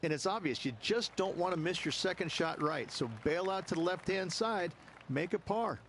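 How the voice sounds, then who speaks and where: A slightly high-voiced man giving calm, explanatory course analysis in scripted video game golf commentary. Faint noise hums behind him. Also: normal speed.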